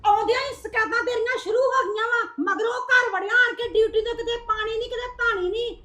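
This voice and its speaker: A woman with a very high, bright voice talks fast as a defensive sister-in-law in a village drama. She sounds echoey, as if in a bare room. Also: fairly even intonation.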